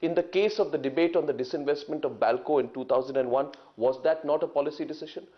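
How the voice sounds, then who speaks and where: A man's voice: on the high side, fast. A man anchoring a combative TV interview, pressing and interrupting his guest. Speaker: news anchor. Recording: dull TV broadcast audio.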